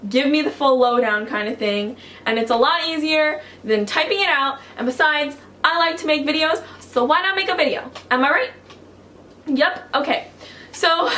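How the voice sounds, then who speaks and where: Woman vlogger, higher-pitched voice, excitable and chatty, talking to camera at home. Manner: excitable and chatty, heavy use of "like". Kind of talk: casual storytelling to camera.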